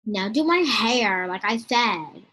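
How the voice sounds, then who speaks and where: A woman's voice: a little high, lively intonation, slow, bright, forceful tone, heavily acted, low-quality recording. A woman voicing a cruel, vain mother who gives curt, imperious commands in an amateur video-game role-play. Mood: bossy. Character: cruel, vain, bossy mother bullying her daughter.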